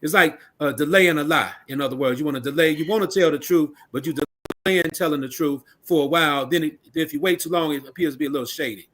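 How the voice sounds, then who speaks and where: A man's voice: on the high side, fast, fairly bright tone. A man speaking as a panel guest who talks bluntly and straight, drawing on stories from his own media work. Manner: blunt, straight-talking, anecdotal. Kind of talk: panel discussion.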